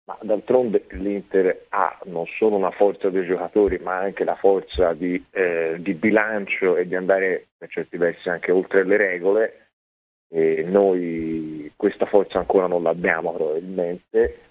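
Low voiced guy calling into radio, bit hoarse, casual reflective sports talk, phone sound. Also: steady tone, a little slow. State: slightly hoarse, voice partly lost. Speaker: sports journalist guest. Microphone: phone call into radio. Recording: tinny phone line.

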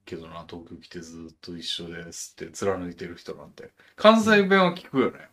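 Low-voiced Kansai man, laid-back chat. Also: huge pitch swings, normal speed, a bit bright. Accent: Kansai Japanese. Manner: laid-back, frequent short backchannels. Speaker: podcast host. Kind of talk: casual chat.

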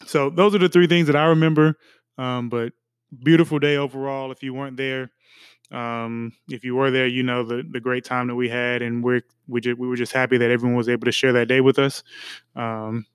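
Young guy on a podcast, smooth clear voice, dry sound, laid back with lots of ums. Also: medium pitch, brisk, no echo. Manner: relaxed, reflective, with many fillers and restarts. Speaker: podcast co-host. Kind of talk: casual chat.

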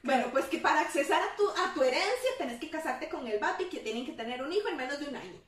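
Animated young woman storyteller. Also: sits high, quick pace, slight background noise. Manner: animated, laughing, acts out quoted lines. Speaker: storyteller in a chat. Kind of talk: casual chat, retelling a story. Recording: roomy, distant mic.

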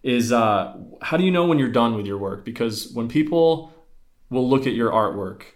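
A man's voice: medium pitch, animated, moderate pace. A young man hosting a podcast, chatting casually and laughing easily as he asks questions. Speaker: podcast host. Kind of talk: casual interview chat.

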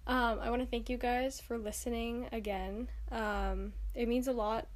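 Congested young woman chatting, slightly high voice. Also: flat delivery, normal speed. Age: young adult. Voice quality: congested, stuffy-nosed. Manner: informal, rambling, emphatic. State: tired, congested. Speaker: podcast host. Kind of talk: casual solo podcast chat.

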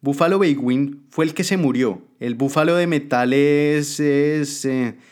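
A man's voice: a little high, measured pace, a little mellow, voice pushed up, natural voice. A man voicing a cruel, ruthless woman politician who taunts and threatens, in a dramatic spoken story. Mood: scornful. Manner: taunting, contemptuous.

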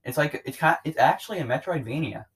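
A man's voice: a little high, expressive, fast talker, husky, low-quality recording. A man co-hosting a casual podcast, chiming in with laid-back, offhand remarks. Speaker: podcast co-host. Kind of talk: casual chat.

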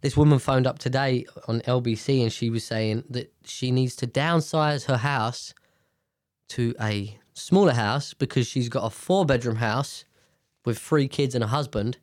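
A man's voice: mid-range voice, a little slow, no echo, clean studio sound. A British man hosting a casual, rambling commentary on the news in a nasal voice, congested from a sinus infection, blunt and sweary. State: blocked nose from sinus infection. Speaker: host.

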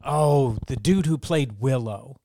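A man's voice: mid-range voice, slow, dark tone, dry recording, clean studio sound. A man co-hosting a podcast in casual chat, hesitant and giving short reactions. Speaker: podcast co-host.

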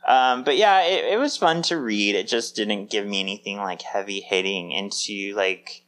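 Brief: male podcast co-host, lowish voice, casual, easily amused. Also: normal speed. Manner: laughs often, animated bursts of excitement. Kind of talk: casual chat.

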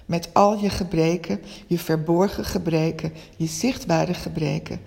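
A woman coach talks through a personal, reflective monologue in a gentle, open way. Her voice has a gravelly fry, and now and then she stutters on a word or swaps in another one. The recording has a long, lingering reverb. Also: fairly low pitch, steady tone, a little slow. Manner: stutters now and then, searches for other words, speaks gently and openly. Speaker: coach and podcast host.

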